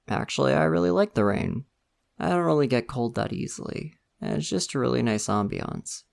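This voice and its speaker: In this ASMR roleplay, a young man portrays a friendly, a bit shy college student, speaking casually, softly and chattily with lots of laughter. The voice is medium-pitched with vocal fry and sounds exaggerated.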